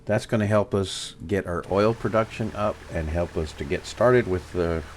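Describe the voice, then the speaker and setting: A man with a Southern US accent giving casual gameplay commentary, thinking aloud with fillers and pauses. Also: deep voice, slight background noise. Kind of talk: casual let's-play commentary.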